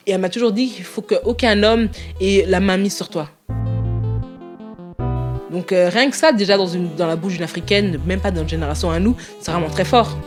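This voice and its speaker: A young woman in a casual interview, talking candidly in a quick, lively way and laughing often. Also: medium pitch, over music.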